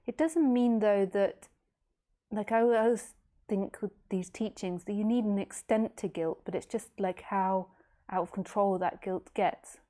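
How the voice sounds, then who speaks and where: Woman, late 30s, spiritual teacher, casual talk, rambling, warm mellow tone. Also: medium pitch, measured pace. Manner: rambling, easygoing, jokey asides.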